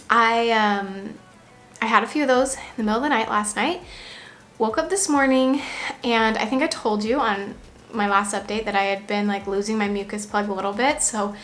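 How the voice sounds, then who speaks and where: This American vlogger in her twenties chats casually to camera for a pregnancy vlog, laughing often and pausing to breathe through contractions. Her voice sits on the high side with a fairly bright tone.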